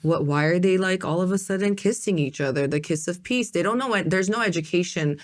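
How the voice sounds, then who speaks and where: A woman from the United States hosts a casual podcast interview, speaking a little fast in a lowish voice. She rambles a lot, sprinkling in "like" and "um" constantly.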